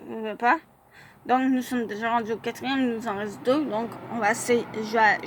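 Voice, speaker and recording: A woman chatting casually in a vlog as she reviews fan profiles, hesitating often with filler sounds and restarts. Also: fairly high pitch.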